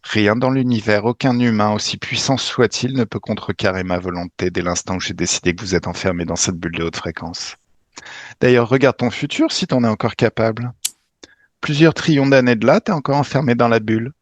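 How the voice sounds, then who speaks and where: A man with a lowish voice runs a guided regression session under hypnosis, speaking briskly in a commanding, emphatic way and swearing casually. There is no echo.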